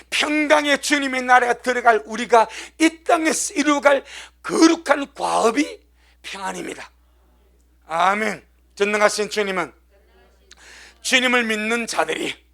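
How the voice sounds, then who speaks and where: A middle-aged male pastor preaching a sermon, pressing his points through repetition and dropping from loud stresses to hushed near-whispers. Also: high voice, vocal fry.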